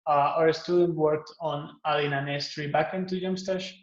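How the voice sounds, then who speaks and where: A man from Guatemala gives a recorded pitch for an open source project he maintains, talking in a relaxed way with many "uh" fillers and restarts. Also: moderate pace. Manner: relaxed, with frequent "uh" and "um" fillers and self-repairs. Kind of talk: recorded conference pitch talk. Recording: echoey, muffled lo-fi room recording.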